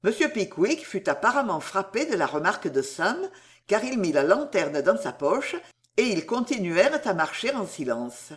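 A woman narrating a classic novel aloud in a measured, expressive storytelling voice. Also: mid-range voice. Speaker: audiobook reader.

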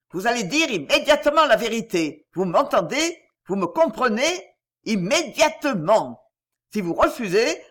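A reader of a French crime novel voicing a stern senior police director who shouts threats at a suspect. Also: mid-range voice. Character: stern senior male police director, cold then enraged.

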